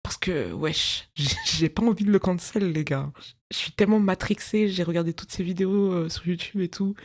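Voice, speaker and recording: A woman's voice: fairly low pitch, normal speed. A woman in her twenties from France, hosting her own podcast from her bedroom in casual, digressive chat full of slang and laughter. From France, of Cameroonian parents. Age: 20s. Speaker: podcast host.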